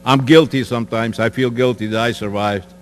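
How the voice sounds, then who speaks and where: An elderly man tells his story to students in a plain, direct way, stopping now and then to talk straight to them. His voice sits at an ordinary middle pitch. It rings with a long echo through a school hall, over a faint mains hum. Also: steady tone, fairly quick. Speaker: Holocaust survivor speaker.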